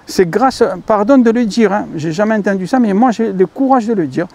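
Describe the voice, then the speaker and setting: A man speaking with a French accent, his voice high for a man and gravelly with fry. He rambles through a casual vlog monologue, stumbling over fillers and correcting himself as he talks to his viewers. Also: expressive, fairly quick, dark tone. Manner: rambling, many fillers and self-corrections, addresses viewers as dear friends. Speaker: YouTube channel host.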